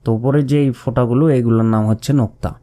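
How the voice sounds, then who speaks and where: A man's voice: mid-range voice, fairly even intonation, racing, dark tone. A man teaching how to pronounce Arabic letters, drawing each sound out and repeating it with patient explanations. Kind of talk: slow step-by-step pronunciation lesson.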